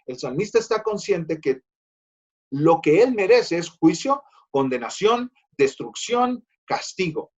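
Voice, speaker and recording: A man's voice: a little high, big pitch swings, unhurried, lo-fi sound. A man preaching a Bible study as pastor, earnest and repeating phrases for emphasis, addressing listeners as his brothers.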